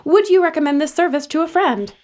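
A woman playing a hotline operator who coaxes with a soothing tone, then slips into brisk customer-service cheer. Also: fairly high pitch, animated, a little mellow, slightly rough. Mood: chirpy. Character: chirpy, callous female hotline operator. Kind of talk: audio drama acting.

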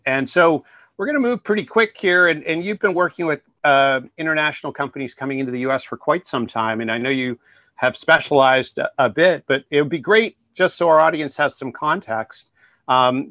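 A man's voice: mid-range voice, bright, forceful tone, no echo. A man hosting a podcast interview, asking questions with frequent hesitations and restarts over a video call. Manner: hesitant, many restarts and fillers. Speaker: podcast host. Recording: dull lo-fi sound.

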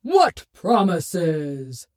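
A woman voicing a grand male wizard who speaks in a slow, booming, pompous way. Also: sing-song, a little mellow, exaggerated voice.

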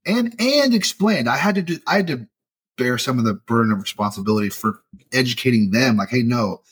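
Animated husky-voiced man telling stories. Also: medium pitch, brisk. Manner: animated storyteller, acts out quoted dialogue. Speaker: podcast co-host. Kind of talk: casual chat.

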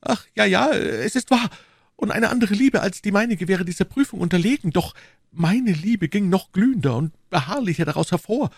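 A man's voice: high voice, expressive, moderate pace, creaky, slightly rough, no room sound, studio quality, exaggerated voice. A man reading an audiobook, voicing a passionate, lovesick duke with fervent, swelling declarations. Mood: ardent. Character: passionate lovesick English duke, ardent and insistent. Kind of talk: audiobook reading of a classic novel.

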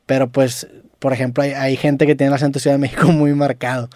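A man's voice: mid-range voice, level tone, quick pace, a little mellow, dry recording, clean studio sound. A man with a Monterrey accent chatting casually on a podcast, joking, swearing and poking fun at himself. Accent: Monterrey Mexican Spanish. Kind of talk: casual chat.

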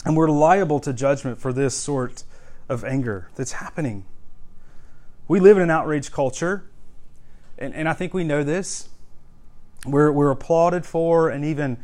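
A man's voice: a little high, a little slow, long pauses, darkish tone. A young man preaching a sermon in a conversational way, with humor and frequent word restarts. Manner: conversational, self-deprecating humor, repeats words when restarting.

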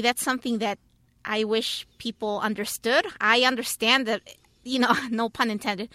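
A woman's voice: fairly high pitch, pushed and bright, no room sound. A woman talking in a casual conversation, earnest and polite, explaining her view with frequent fillers.

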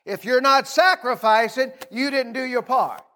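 High-pitched American man preaching informally. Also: moderate pace, pushed and bright. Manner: folksy, conversational, repeats phrases and prompts listeners for response. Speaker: pastor preaching to a congregation. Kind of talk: informal sermon.

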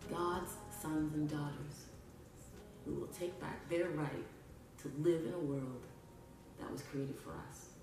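Her voice sits low, her intonation stays fairly even, and she speaks slowly with frequent pauses. This Canadian woman of Jamaican family heritage hosts a podcast, preaching a motivational spiritual message with earnest emphasis, captured on a distant mic in an echoey room over background music.

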